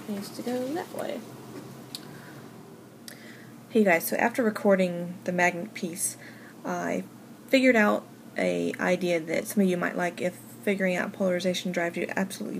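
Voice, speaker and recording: A woman hosting a casual, unscripted craft tutorial, talking informally and haltingly as she thinks aloud. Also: on the low side, creaky. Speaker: hobby video host. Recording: noisy home recording.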